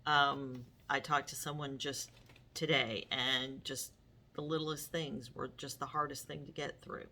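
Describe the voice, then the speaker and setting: Bright-voiced chatty woman vlogger. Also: extremely low pitch, flat delivery, unhurried. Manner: chatty, with many fillers and restarts. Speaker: vlog host. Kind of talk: casual talk to camera.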